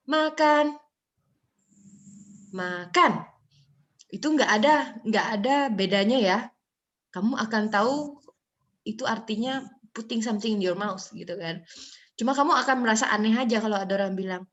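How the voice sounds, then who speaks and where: Woman lecturer, dull audio. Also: medium pitch. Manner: mixes Indonesian with English, demonstrates tones aloud. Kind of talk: online phonology lecture.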